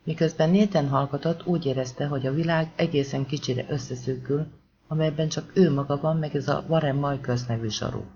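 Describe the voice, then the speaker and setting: A man reading an audiobook in a steady, measured storytelling manner. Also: on the high side. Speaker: audiobook narrator. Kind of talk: scripted audiobook narration. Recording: dull lo-fi audiobook recording.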